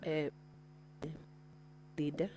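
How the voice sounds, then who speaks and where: A woman presiding over a parliament, giving formal procedural rulings in a halting, measured way. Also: dark tone. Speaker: presiding speaker of a senate. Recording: noisy chamber with hum.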